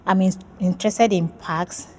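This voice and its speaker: A woman's voice: mid-range voice, fairly even intonation, moderate pace, a little hiss or hum. A woman from Nigeria, a PhD student, talking about her research in a casual interview, friendly and hesitant with many fillers.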